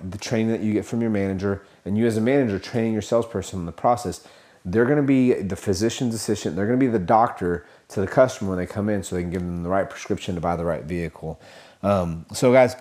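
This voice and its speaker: A man's voice: deep voice, darkish tone. Rambling man hosting a sales podcast. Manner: rambling, filler-heavy, self-correcting; motivational, addresses listeners as guys. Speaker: podcast host; car sales trainer. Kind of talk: casual podcast monologue.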